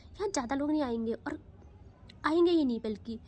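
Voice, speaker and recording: A woman voicing a young woman who coaxes and pleads in a soft tone. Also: high voice, fairly quick, slight background noise, lightly acted. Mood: pleading. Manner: coaxing, pleading.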